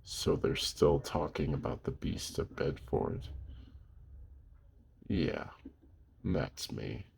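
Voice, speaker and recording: A man with a bass, husky, gravelly voice plays a gruff, lonely old werewolf in an intimate ASMR roleplay, fully in character. Weary yet gentle, wry and reserved, he speaks slowly and hushed with long pauses, over a little hiss or hum.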